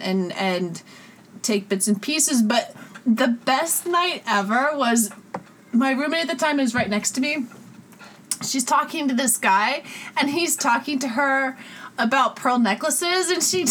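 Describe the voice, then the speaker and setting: A woman's voice: high-pitched, unhurried, fairly bright tone, slight background noise. A woman co-hosting a podcast, telling a funny story in casual chat and laughing often. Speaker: podcast co-host.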